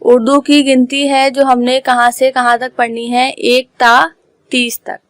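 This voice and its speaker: A woman school teacher giving an online class, spelling out words slowly letter by letter. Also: high voice, little pitch movement, no echo, poor audio. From Pakistan. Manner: slow, careful letter-by-letter dictation.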